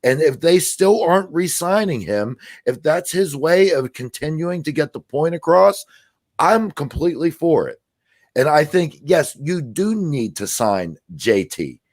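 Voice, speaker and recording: A man's voice: fairly high pitch, dry recording. A man co-hosting a sports podcast, laying out an argument point by point in an assertive, casual way.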